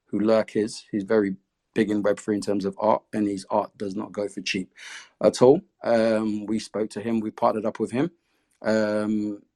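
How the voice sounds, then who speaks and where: A man's voice: lowish voice, darkish tone. A man talking casually in an interview, explaining the project he founded. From came to the UK as a child refugee.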